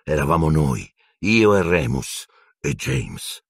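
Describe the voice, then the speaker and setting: A man's voice: extremely low pitch, very animated, creaky, husky, no echo, studio quality, full character voice. A man voicing a bitter escaped prisoner wizard who speaks in a cold, growling, venomous way. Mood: furious. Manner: cold, accusing, slow menace.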